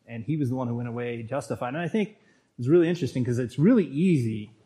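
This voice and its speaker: Halting, chatty man giving a sermon. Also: mid-range voice, animated, warm tone. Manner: halting, many fillers and restarts; reads scripture aloud at length. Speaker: Bible study leader. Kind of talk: informal sermon.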